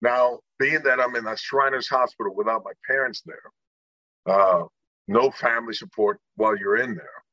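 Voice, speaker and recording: A man's voice: mid-range voice, normal speed, bright, forceful tone, no room sound, lo-fi sound. A middle-aged man from Indiana, a guest telling his life story earnestly and acting out the people in it. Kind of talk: personal storytelling in an interview.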